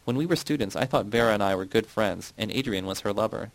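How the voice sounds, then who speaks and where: Casting: male reader as cold, accusing young woman, low gravelly tone. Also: quick pace, no room sound, natural voice, low-quality recording. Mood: calm. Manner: shouting, cutting.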